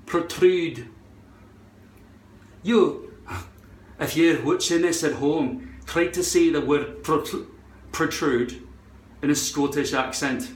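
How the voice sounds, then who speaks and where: The echo of a roomy indoor space surrounds a vlogger as he slowly rambles through a casual hairpiece adhesive tutorial. His voice is a little high, his fake Scottish accent unsteady, and he repeats words and lets out the odd swear.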